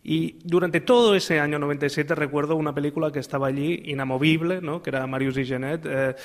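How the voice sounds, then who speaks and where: A man's voice: a little high, fairly even intonation, fast, in a large hall. A man interviewing a guest, asking his questions politely and formally, with a few hesitations.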